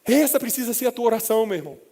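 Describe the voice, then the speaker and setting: A Brazilian man preaching a sermon as a pastor, impassioned, swinging from hushed low lines to raised emotional peaks. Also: lively intonation, racing, creaky. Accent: Brazilian Portuguese. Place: church hall. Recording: hall reverb.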